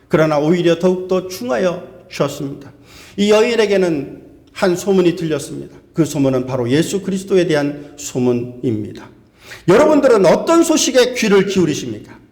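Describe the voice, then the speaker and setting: A man's voice: sits high, darkish tone. A male pastor preaching a sermon, speaking emphatically and asking the congregation rhetorical questions. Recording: long reverb of a church hall.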